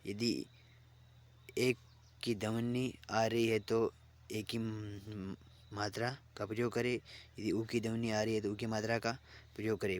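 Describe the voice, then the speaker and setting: A man teaching an online exam-prep lesson, reading out word lists slowly and repeating phrases as he explains. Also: on the low side, slight background noise.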